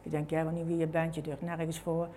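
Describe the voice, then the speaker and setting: Woman doing a hushed taunting devil. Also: sits low, monotone, fast talker, a little hiss or hum, voice pushed down, lightly acted. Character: sneering devil whispering doubts.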